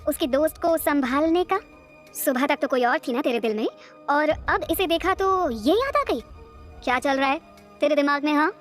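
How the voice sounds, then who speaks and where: Irritated young boss guy, woman reading him, high voice, soft music under. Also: moderate pace, lightly acted. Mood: exasperated. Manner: irritated, incredulous. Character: exasperated young male boss.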